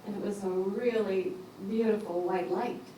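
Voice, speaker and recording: A woman giving a personal storytelling talk at a retreat, animated and acting out what others said. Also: mid-range voice, moderate pace. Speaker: speaker at a yoga retreat. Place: large echoey retreat hall. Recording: echoey hall from far off, faint hiss.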